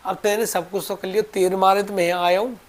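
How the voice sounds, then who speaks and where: A man voicing the gentle boy god Krishna, coaxing softly. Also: high voice, little pitch movement, fast, pitched above the performer's own voice, close to an everyday voice. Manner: soft, coaxing rustic speech.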